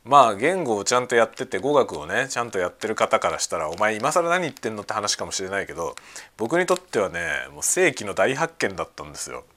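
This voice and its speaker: A man hosting a casual podcast chat, talking excitedly at home while he cooks and eats lunch. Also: on the low side, fast. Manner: excited, talkative. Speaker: podcast host. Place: at home, cooking and eating lunch.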